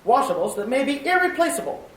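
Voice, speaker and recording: A woman plays an upbeat 1940s radio announcer reading a soap commercial, her high voice sing-song, fast and salesy. She is recorded from a distance, off-mic in an echoey room.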